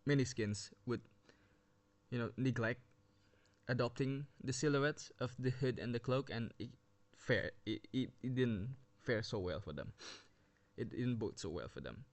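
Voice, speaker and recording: A man's voice: mid-range voice, a little slow, dry recording. A man giving casual commentary on game skins, rambling with many restarts and running out of breath, recorded on a built-in device mic under a blanket. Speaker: video game skin reviewer. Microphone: built-in device mic without headset.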